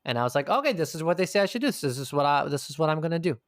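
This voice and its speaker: Very fast and very animated, a man with a fairly high voice answers questions as an interview guest, recorded at studio quality with no room sound. Despite the energy, the conversation is reflective, and he searches thoughtfully for ideas while swearing casually now and again.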